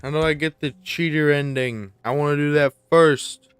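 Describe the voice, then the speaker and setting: A man's voice: on the high side, fairly even intonation, normal speed, fairly bright tone, smooth. A young man casually commenting on a game as he plays, muttering and playfully echoing the narrator. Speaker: gameplay streamer.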